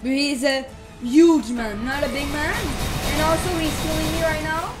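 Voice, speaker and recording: High-pitched, excitable young-sounding gamer voice, female. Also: unhurried, loud music behind the voice. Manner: excitable, repetitive exclamations, casual slang with frequent "bro". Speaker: gamer playing and commentating. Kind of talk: excited live gameplay commentary. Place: voice-over on screen-recorded gameplay, game music behind.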